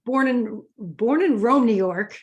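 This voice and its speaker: A woman's voice: on the high side, slow, dull audio. A woman from New Jersey, a guest coach in an interview, speaking in a friendly, reflective way. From United States, New Jersey. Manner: friendly, reflective, laughs easily. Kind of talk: casual interview chat.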